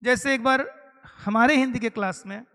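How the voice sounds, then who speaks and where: Man, very high voice, teacher trainer, explanatory lecture, long hall echo. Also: normal speed, sharp tone. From eastern India. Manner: explanatory, asks rhetorical questions, mixes English terms.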